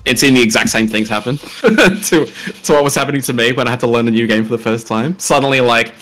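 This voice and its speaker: A man doing live esports commentary on a fighting game, analytical and quick to exclaim at big plays. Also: medium pitch, a bit bright, soft background music.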